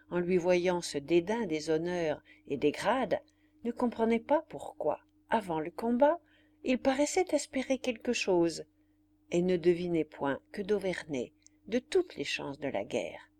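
Woman narrating a storybook in a low voice. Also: animated, a little slow, darkish tone, slight background noise. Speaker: audiobook reader. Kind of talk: scripted narration.

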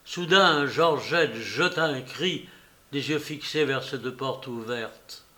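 A man reading a novel aloud in a measured, expressive way. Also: a little high. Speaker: audiobook narrator.

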